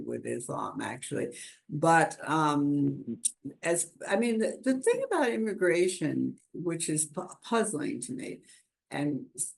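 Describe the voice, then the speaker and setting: Heard through a computer microphone on a video call, this webinar panelist has a creaky, medium-pitched voice. In a conversational panel discussion, the talk rambles along chattily, full of laughter and false starts.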